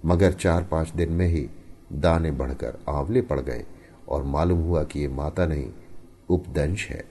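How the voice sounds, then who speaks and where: A man narrating a story in an expressive audiobook style, with emphatic rises and hushed falls. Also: a bass voice, unhurried.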